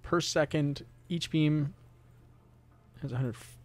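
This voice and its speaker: A man's voice: on the high side, steady tone, takes it slowly, darkish tone, no room sound. A young man with a sore throat, streaming and commenting casually on a game, rambling and cursing as he talks to himself and the game. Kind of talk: casual live gameplay commentary.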